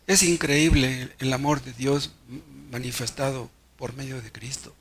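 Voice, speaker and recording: A man's voice: mid-range voice, steady tone, measured pace, a bit bright, husky. A Mexican pastor preaching a sermon, telling stories and asking the congregation rhetorical questions, often repeating words as he restarts.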